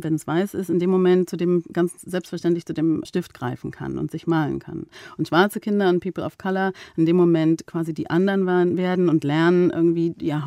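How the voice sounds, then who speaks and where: A German woman, a diversity trainer, answering interview questions in a measured, thoughtful way with frequent pauses and fillers. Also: on the low side, warm tone, no room sound, studio quality. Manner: measured, many fillers while thinking. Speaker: diversity and anti-discrimination trainer, guest.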